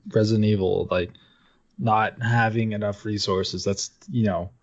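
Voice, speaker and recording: A man with a lowish voice and steady tone speaks unhurriedly. He co-hosts a podcast, chatting casually about games, informal and swearing freely, on dull lo-fi audio.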